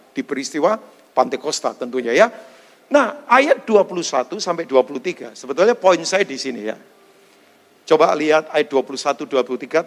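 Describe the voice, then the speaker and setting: A man preaching a sermon as pastor, animated, putting questions to the congregation and mixing in English phrases. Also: a little high, big-room sound.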